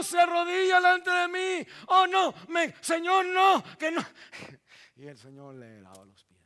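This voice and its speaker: A man preaching a sermon in a church, acting out scenes with sudden shouts and dropping in English words. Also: fairly high pitch. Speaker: pastor.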